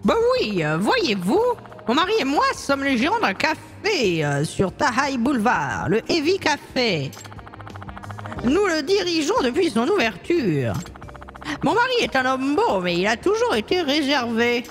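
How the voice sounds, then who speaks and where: A woman's voice: sits high, huge pitch swings, unhurried, faint music behind, full character voice. Woman voicing an anxious older café owner. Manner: hesitant, fussy, many sighing fillers. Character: worried older woman café owner suspecting her husband. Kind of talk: fan dub of a game scene.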